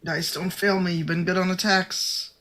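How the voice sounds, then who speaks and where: Female tabletop player, bright forceful tone, casual wry banter. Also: on the low side, fairly even intonation, normal speed. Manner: playful, wry. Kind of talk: casual chat.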